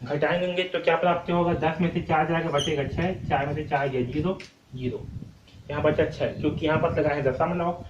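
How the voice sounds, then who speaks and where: A man's voice: fairly high pitch, fairly even intonation, fairly quick. A male maths teacher working through a problem step by step, asking himself questions and checking in with "ठीक है" all the time. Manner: repeats questions and answers them himself, frequent "ठीक है" checks. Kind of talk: step-by-step board lesson. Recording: echoey room, distant mic, muffled sound, noisy.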